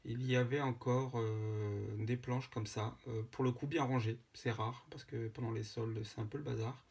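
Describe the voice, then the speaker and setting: A man casually showing a handmade photo album, talking to viewers with many pauses and fillers. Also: mid-range voice, steady tone, gravelly, a little mellow, slightly rough. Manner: hesitant, many fillers, chatty asides to viewers. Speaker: scrapbooking vlogger. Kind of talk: casual show-and-tell.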